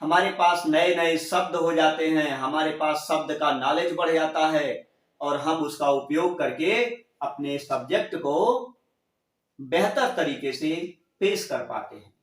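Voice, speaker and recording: A male teacher giving a grammar lesson to students, saying each example word slowly and repeating it, spelling out the vowel marks. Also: on the high side, a bit bright, far from the mic. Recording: echoey room, voice from off the mic.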